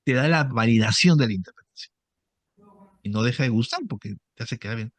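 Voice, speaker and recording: A man's voice: mid-range voice, brisk, no room sound. A middle-aged man, a psychoanalyst who explains cases in an interview and acts out the dialogue of his sessions. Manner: animated storytelling, acts out dialogue with patients. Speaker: psychoanalyst guest.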